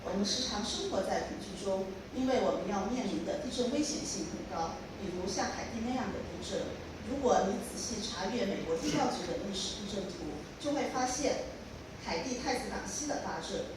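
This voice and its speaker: A woman interpreting a formal speech in a measured, formal way. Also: mid-range voice, animated. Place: large hall. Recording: echoey hall from far off, noise.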